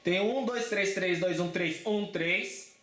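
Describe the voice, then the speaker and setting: A man's voice: high-pitched, slow, fairly bright tone, echoey room. A man with a Brazilian Portuguese accent teaching a casual exam-prep math lesson, chatty and informal, often checking in with his students. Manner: chatty and informal, with frequent check-ins and slang.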